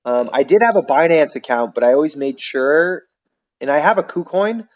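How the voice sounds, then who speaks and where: A man's voice: a little high, expressive, normal speed, muffled recording. A man hosting a livestream, chatting casually and reading viewer comments aloud. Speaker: livestream host.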